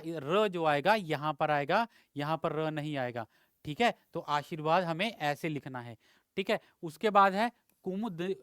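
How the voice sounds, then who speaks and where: Male tutor, slightly high, crisp voice, dry close voice-over, patient and repetitive lesson delivery. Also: a bit bright, dry recording. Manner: patient, repeats each word and checks with "theek hai". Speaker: exam prep teacher. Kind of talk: spelling lesson over slides.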